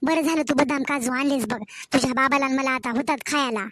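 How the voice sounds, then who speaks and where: A woman's voice: high voice, brisk, fairly bright tone, dry recording. A woman voicing a greedy, doting village mother in a cartoon story, fussy and wheedling. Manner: fussy, wheedling, scolding by turns.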